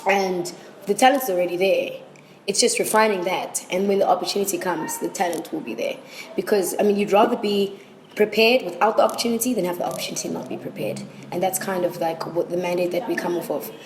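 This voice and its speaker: A woman's voice: on the low side, brisk, a little mellow. A South African woman giving articulate, explanatory answers in a conversational interview. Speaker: interview guest, presenting teacher. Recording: roomy echo with faint background noise.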